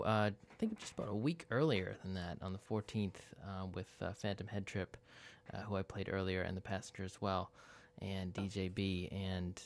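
A man with a lowish voice back-announcing tracks on a radio show. He talks in a loose, halting way, full of ums and uhs, relaxed and unscripted. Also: gravelly, no room sound. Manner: halting, many fillers, relaxed. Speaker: guest radio host.

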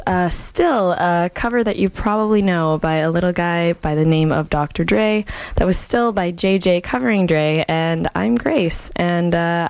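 A woman presents a radio show in a casual, unpolished way. Her voice sits a little low with plenty of vocal fry. She pauses and hesitates often, and the sound is close and dry. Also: darkish tone, no room sound. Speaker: radio host filling in on a music show.

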